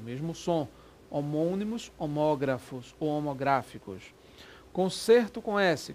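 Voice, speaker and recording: A man teaching a Portuguese exam prep lesson in a lively, quick, informal way, often checking that the class follows. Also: fairly high pitch, a little hiss or hum.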